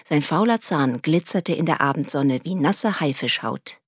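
A woman reads an audiobook aloud in a lower voice, telling the story with lively expression. The sound is dry and close, with no room echo. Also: moderate pace, slightly rough. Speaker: narrator. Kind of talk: audiobook narration.

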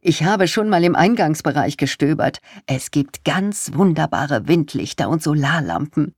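A reader voicing Charlotte, a bubbly, enthusiastic older sister-in-law. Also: female voice, sits low, expressive, moderate pace, a little mellow, no room sound, studio quality. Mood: cheerful.

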